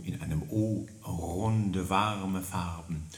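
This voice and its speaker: A man leading a singing warm-up lesson, coaching listeners and demonstrating syllables and vowels in a high falsetto. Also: slow, roomy sound, soft background music. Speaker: singing teacher.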